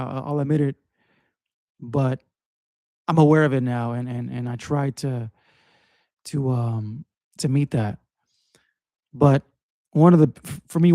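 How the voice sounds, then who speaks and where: A man's voice: medium pitch, dark tone, dry recording. A man in his thirties co-hosting a podcast, speaking in a reflective, hesitant way and often stopping to restart his thoughts. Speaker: podcast co-host. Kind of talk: casual conversation.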